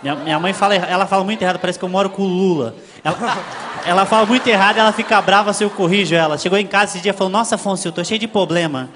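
A man with a Brazilian accent performing a stand-up routine, telling stories in an animated way and imitating voices. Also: sits high, very fast. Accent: Brazilian Portuguese. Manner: animated storytelling, frequent voice imitations. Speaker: stand-up comedian. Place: comedy stage before a live audience. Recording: live show, crowd laughter and noise.

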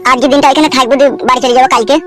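A woman's voice: high-pitched, fairly even intonation, rapid-fire, fairly bright tone. Woman doing a whiny pleading cartoon son. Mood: plaintive. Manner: pleading, whining. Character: whiny disgraced young man, pleading son. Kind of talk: cartoon comedy voice acting.

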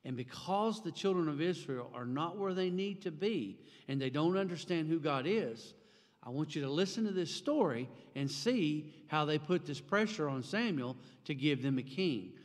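A pastor in his forties preaches from a pulpit microphone. His fairly high voice climbs sharply when he stresses a point, and the delivery stays emphatic throughout. Long reverb from the church sanctuary hangs behind every phrase. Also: expressive, moderate pace. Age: 40s. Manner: emphatic, gesturing widely, rising for emphasis. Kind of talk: sermon. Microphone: stand mic at a pulpit.

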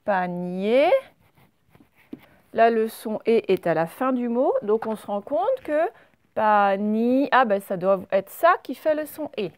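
Casting: middle-aged woman, schoolteacher, slightly high voice, patient and clear, dry close sound. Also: lively intonation, a little mellow, no echo. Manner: slow, clear, patient explaining with many fillers. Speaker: primary school teacher. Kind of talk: recorded spelling lesson for young pupils.

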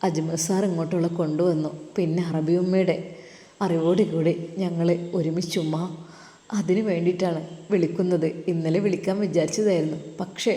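A gentle, reassuring young man, as a woman narrator puts him on, speaking low and quiet. The voice is mellow and sits in a roomy space with a long reverb. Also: steady tone, normal speed, lightly acted. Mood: calm reassuring. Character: gentle young son-in-law on the phone.

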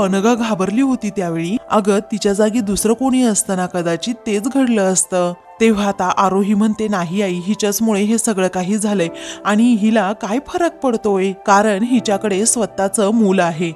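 Woman, serial recap narration, all characters in her own voice, mid pitch, faint music behind. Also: darkish tone. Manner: reads every character's lines in her own voice. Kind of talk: retelling a TV serial episode.

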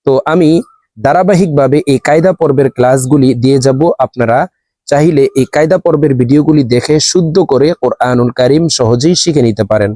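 A man teaching a recorded lesson on letter pronunciation. He repeats each letter slowly so listeners can copy him. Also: medium pitch, dark tone, no echo. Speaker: Quran teacher.

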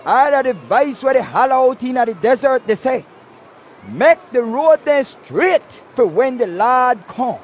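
An actor playing a fervent desert prophet in a dubbed film, earnest and declamatory, with a Belizean Kriol accent. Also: male voice, very high voice, sing-song, a little slow, a little hiss or hum, exaggerated voice. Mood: fervent proclaiming. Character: fervent male desert prophet, long-haired preacher. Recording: music behind the voice.

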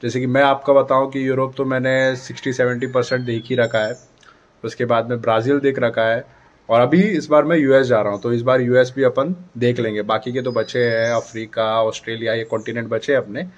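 The sound is lo-fi as a man in his thirties, a vlogger, speaks briskly in a medium pitch with little pitch movement. Talking casually into a phone camera at arm's length, he gestures a lot while advising his viewers. He's in a dim room indoors, next to a dark door.

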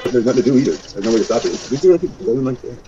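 A man's voice: medium pitch, lively intonation, very fast, lo-fi sound, music in the background. A man live-streaming in casual talk, muttering and cursing with irritation.

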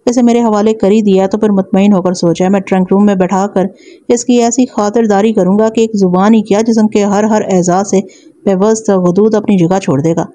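A thuggish male constable brags about roughing up a suspect, voiced by a woman reader. The tone is mellow and low-key, in a plain storybook reading. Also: fairly even intonation, natural voice. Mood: boastful. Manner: menacing, boastful. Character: brutish menacing male police constable.

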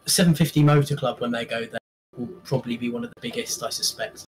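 A young man chats loosely on a voice call, trailing off and hesitating as he talks. His mic keeps cutting in and out, so his volume is uneven. His voice sits at a middle pitch, with faint noise behind it. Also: fairly even intonation, fast. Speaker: university motorsport team member. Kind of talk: casual chat on a livestream call. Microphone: headset or desk mic on a voice call, partly blocked.

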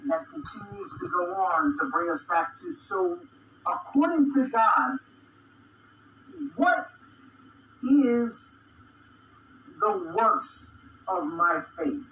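A man leads a sermon-style Bible lesson, his voice high and lively as he asks rhetorical questions at an unhurried pace. He is recorded from a distance in a church meeting room. The sound is roomy, with a faint hum of ambience behind him. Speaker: church teacher. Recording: distant, echoey room recording played back.

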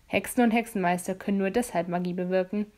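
A condescending teenage boy demon hunter, put on by a woman narrator in a storybook reading. He sounds lower and punchier than her normal voice, smug and curt. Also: fairly even intonation, quick pace, darkish tone, close to an everyday voice. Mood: curt, irritated.

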